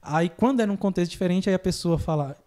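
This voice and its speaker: A man's voice: fast, warm tone. Easygoing Brazilian-style man explaining therapy. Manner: acts out clients' lines in a higher voice, laughs easily. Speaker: podcast host, phobia therapist. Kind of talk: casual explanatory chat.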